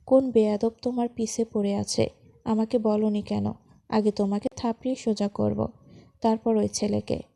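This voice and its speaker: A woman's voice: mid-range voice, little pitch movement, normal speed, vocal fry, mellow, lightly acted. A woman voicing a bossy, hot-tempered young man in a storybook romance, scolding and threatening. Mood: angry.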